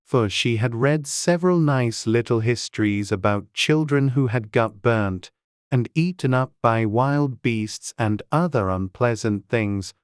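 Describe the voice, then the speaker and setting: A man's voice: medium pitch, a little slow, smooth, no echo, studio quality. A man reading scripted storybook narration as an audiobook narrator.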